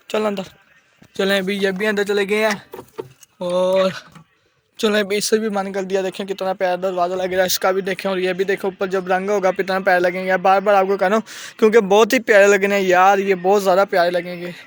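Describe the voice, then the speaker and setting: A man's voice: high-pitched, a bit bright. A man chatting casually in a vlog outdoors by his pet cages, fondly scolding his birds as they eat. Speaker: pet-keeping vlogger. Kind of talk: casual vlog narration while feeding pets.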